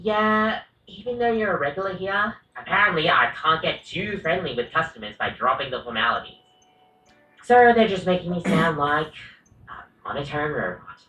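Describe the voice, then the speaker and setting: A woman's voice: sits low, expressive, moderate pace, fairly bright tone, reverberant, recorded from a distance, poor audio. A woman voicing a rambling, coffee-obsessed female coffee machine barista in a video game, often apologizing and correcting herself.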